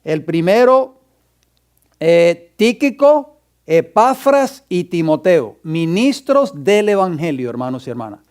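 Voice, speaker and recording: A man's voice: on the high side, sing-song, slow, a little mellow. A male pastor teaching a Bible class, quizzing his students and dictating scripture references for them to write down. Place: church classroom.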